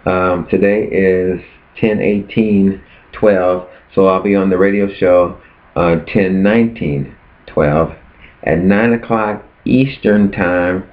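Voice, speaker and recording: A man with a very low voice preaches earnestly to camera, posing rhetorical questions. His words come through thin and tinny, like over a phone line. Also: steady tone, slow. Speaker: preacher sharing his fast. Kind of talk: casual preaching vlog.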